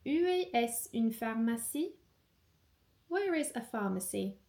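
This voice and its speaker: A woman leads a phrase-by-phrase language lesson in a fairly high voice. She speaks very slowly and deliberately, repeating each phrase twice with care. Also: lively intonation, darkish tone. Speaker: language teacher.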